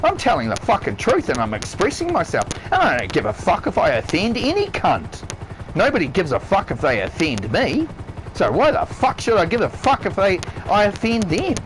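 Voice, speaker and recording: A man's voice: high voice, wildly swooping pitch, moderate pace, background noise. A man who works as a chef, ranting on a live stream in a blunt, heavily profane, emphatic way. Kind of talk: ranting livestream monologue. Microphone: console headset or stream mic.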